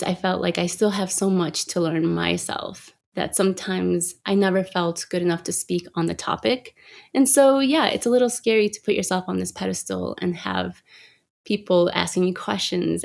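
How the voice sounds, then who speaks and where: A woman's voice: on the low side, gravelly, darkish tone. A woman photographer as a podcast guest, talking reflectively with hesitant restarts. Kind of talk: conversational interview.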